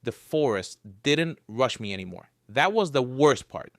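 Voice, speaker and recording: A man narrates a creepy survival tale in the first person, keeping a dry, joking edge even at the darkest moments. His voice sits at an everyday middle pitch. The recording is close and dry, with no room sound. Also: unhurried, no room sound. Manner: wry, joking storyteller with dark humor.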